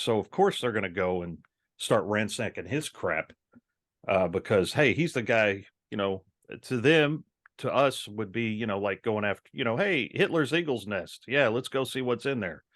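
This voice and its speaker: A man's voice: lowish voice, animated, normal speed, no echo, clean studio sound. A man co-hosting a casual podcast, talking at length with many ums and restarts. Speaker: podcast co-host.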